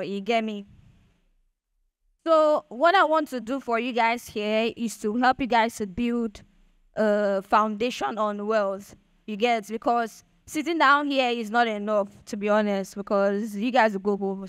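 Speaking at a Bitcoin event, a young woman with a Nigerian accent gives a chatty motivational talk, often asking the audience "do you understand?" Her voice is slightly high and smooth, with no echo.

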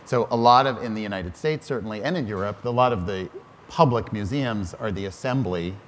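A man's voice: lowish voice, fairly quick. A middle-aged man speaking on a panel before an audience, thoughtful, often restarting his phrases. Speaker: museum director on a panel. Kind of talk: panel discussion. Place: large hall on a stage before an audience. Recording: hall reverb with faint noise.

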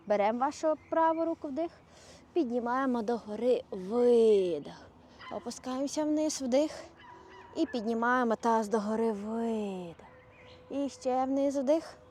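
Calm Ukrainian-speaking yoga teacher, woman. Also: fairly high pitch, slight background noise. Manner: calm step-by-step breathing cues. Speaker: yoga instructor. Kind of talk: guided yoga class. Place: outdoors.

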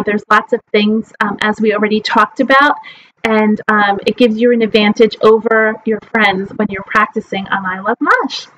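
A woman's voice: a little high, a bit bright, poor audio. A woman in her forties teaching a live online class at a webcam, explaining step by step with frequent ums. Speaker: mah jongg teacher.

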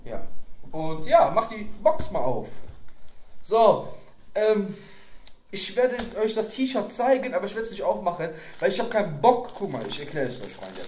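A man talks loosely through an unboxing at home, joking and wandering off topic as he goes. His pitch swings up and down a lot. The room around him rings with echo, and faint clicks sit underneath. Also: very animated, measured pace, slight background noise. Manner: rambling, joking, playful. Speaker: unboxing vlogger. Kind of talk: casual unboxing chat. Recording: echoey room.

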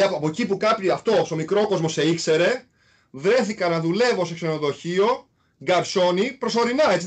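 High-voiced Greek man telling stories. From Greece. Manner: animated, repeats filler words. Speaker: guest, former basketball player. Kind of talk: casual interview storytelling.

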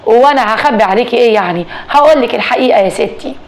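A woman voicing a calm, practical Egyptian husband in a told story, speaking steadily in a slightly lowered voice. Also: fast talker. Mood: steady. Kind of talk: storytelling dialogue.

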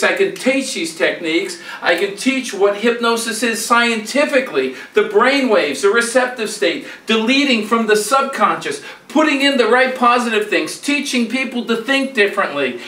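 A man's voice: high-pitched, sharp tone, distant mic. A man in his fifties speaking emphatically and repetitively to camera as a hypnotist promoting his training. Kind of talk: promotional talk to camera and live demonstration. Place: hotel room and airport, indoors. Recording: roomy echoing camera sound.

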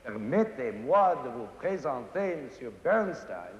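Slow man demonstrating folk songs. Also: medium pitch, very animated. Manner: slow, deliberate phrasing. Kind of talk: sung and spoken folk song demonstrations. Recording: dull echoey hall with music.

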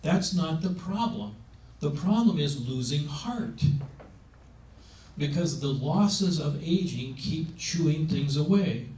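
Slow and a little mellow, his slightly high voice carries lively intonation as the seventy-year-old speaker presses on with his sermon-style talk about aging. He speaks emphatically and conversationally into a handheld mic, asking rhetorical questions, and the meeting room sound is roomy, distant and faintly noisy.

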